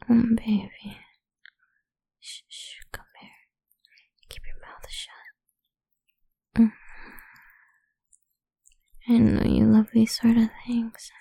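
A young woman whispering softly and teasingly in an intimate audio roleplay, humming between lines, close to the mic. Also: on the high side, creaky, slightly rough, no room sound. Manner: soft teasing whisper, murmured hums.

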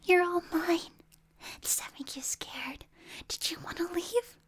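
A possessive supernatural girl, played by a woman, murmurs to her human captive in an ASMR roleplay. Her voice sits very high and unhurried, mostly whispered and coaxing, with sudden sharp outbursts. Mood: coaxing, menacing. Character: possessive, unstable young supernatural girl captor.

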